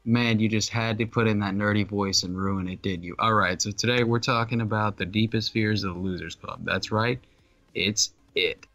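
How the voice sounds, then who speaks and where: A man's voice: on the low side, fairly even intonation, normal speed, a bit bright, no room sound. A man co-hosting a casual movie talk, hyped and teasing as he opens the show. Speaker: co-host.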